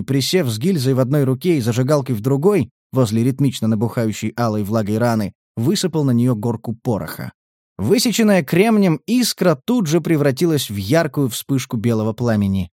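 A man narrating an action novel in a measured, steady read. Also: medium pitch, no echo, studio quality. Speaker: audiobook narrator. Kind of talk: scripted narration.

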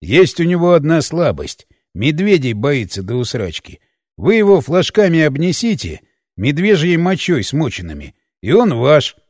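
A man voicing a sly, grumbling male weaver, the hero's companion in an audiobook, speaking in a slow, grudging mutter. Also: on the high side, sing-song, darkish tone, dry recording, clean studio sound. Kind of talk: audiobook character voice.

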